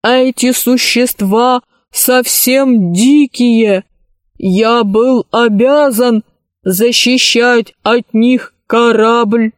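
A woman reading a children's story aloud, voicing a stubborn, literal-minded ship's service robot in a slow, measured way. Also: a little high, steady tone, no echo, studio quality. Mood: mournful.

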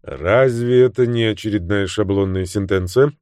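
A man's voice: fairly low pitch, moderate pace, a little mellow, clear, resonant tone, no echo, clean studio sound, lightly acted. A man playing a brooding young investigator.

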